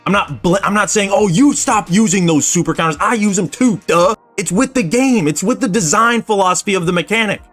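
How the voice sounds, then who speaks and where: A man's voice: high voice, animated, a little fast, hardly any pauses, a bit bright, soft background music. A man delivering an exasperated, emphatic, repetitive rant as a gaming video creator, arguing his opinion.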